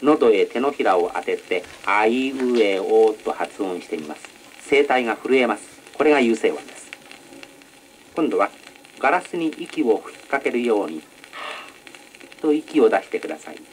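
A man teaching announcing technique in a measured, polite lecture style, on an old educational record. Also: lowish voice, expressive, rough recording. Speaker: announcing instructor. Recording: old record with faint noise.

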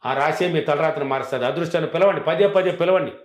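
A man's voice: on the high side, fast, roomy sound. A man teaching self-help affirmations, answering interview questions in a self-assured, emphatic and repetitive way.

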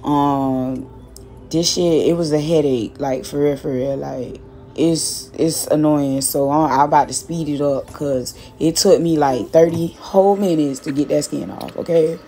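Cooking fish at home, a young Miami vlogger talks in a low, steady, dark voice at a measured pace. She's chatty and slangy, repeating words as she goes, with slight background noise in the clip.

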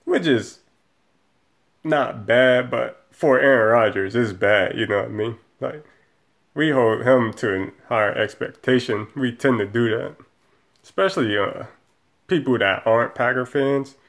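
A man's voice: medium pitch, unhurried, a bit bright. A man in his thirties giving a profane, rambling post-game rant as a football fan, filmed in a small room on a webcam. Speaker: sports fan vlogger.

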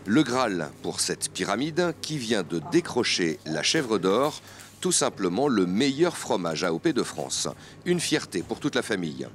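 A man reading scripted news narration as a reporter, with an expressive delivery. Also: on the low side, measured pace, slight background noise.

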